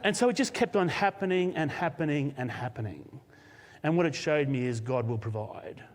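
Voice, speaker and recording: Australian pastor telling a story in a hall. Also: male voice, fairly high pitch, moderate pace. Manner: animated storyteller, laughs often. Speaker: senior pastor. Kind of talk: sermon storytelling. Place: church auditorium, live service. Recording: long hall reverb.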